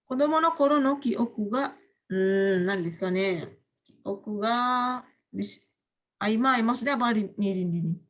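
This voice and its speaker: A woman's voice: on the high side, moderate pace. A woman teaching vocabulary on a video call, patient and explanatory. She keeps asking her students questions and weaves Japanese words into her talk. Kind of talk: online vocabulary lesson.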